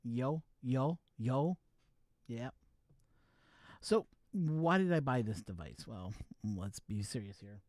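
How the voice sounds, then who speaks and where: A man's voice: mid-range voice, lively intonation, takes it slowly, pauses often, darkish tone, dry recording. A man hosting a casual live stream, chatting loosely to his viewers as he tinkers with his gear. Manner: rambling, chatty, talks to his viewers while fiddling with gear. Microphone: wireless USB microphone.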